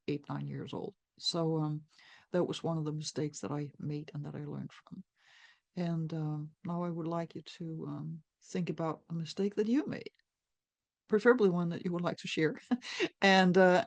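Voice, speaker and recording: Brief: Danish woman facilitator on a video call, unhurried and reflective, dry close sound. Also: on the low side, no echo. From Denmark. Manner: relaxed, reflective storytelling with frequent fillers. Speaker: meeting facilitator. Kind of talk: online group discussion.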